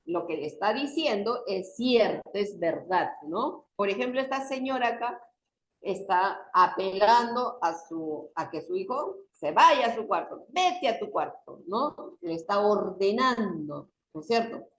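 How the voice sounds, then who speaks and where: A woman teaching an online university class, lively and often asking for agreement. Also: medium pitch, measured pace, echoey room. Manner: animated, often asks for agreement.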